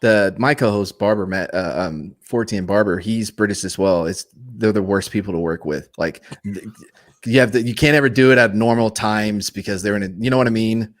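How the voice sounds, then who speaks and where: A man with a fairly low voice chats as a podcast guest. He is wry and sarcastic, and his delivery stays easygoing. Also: normal speed. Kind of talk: casual chat.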